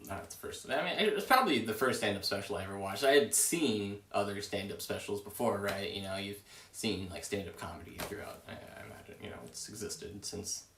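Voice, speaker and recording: A man in his thirties chatting casually on a livestream at home, with a sardonic, deadpan, self-mocking manner. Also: lowish voice, a little fast, a little hiss or hum. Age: 30s. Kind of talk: casual rambling livestream chat. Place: room at home. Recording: roomy sound, mic at a distance.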